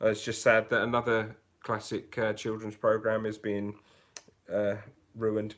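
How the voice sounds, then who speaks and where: A man's voice: fairly low pitch, completely flat delivery, unhurried, fairly bright tone. A man hosting a casual livestream, reading out viewer comments and musing aloud in a chatty way, often restarting his sentences. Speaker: livestream host.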